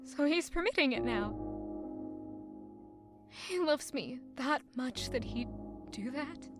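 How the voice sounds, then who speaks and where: A young maid, defensive and lovestruck, thinks aloud with intense feeling in an audio drama, voiced by an actress with a high-pitched female voice.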